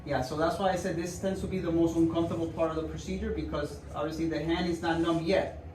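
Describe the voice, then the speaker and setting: Talking fast with fairly even intonation, a male doctor with a higher voice narrates a hand procedure for his patient and viewers. He stays informal and reassuring, going over points again as he demonstrates. The audio comes from a distant mic in an echoey indoor clinic, with background noise.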